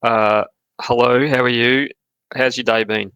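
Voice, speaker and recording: A man joins a podcast as a guest and chats with dry, teasing humor. His voice has a rough, gravelly edge at a mid pitch. The sound is dry and close. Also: fairly even intonation, measured pace, a bit bright, no echo, lo-fi sound. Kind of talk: casual chat.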